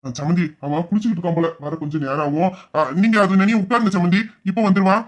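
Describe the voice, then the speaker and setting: A man voicing a middle-aged father-in-law who gives brisk orders around the house. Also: high voice, natural voice. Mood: polite. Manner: brisk, commanding.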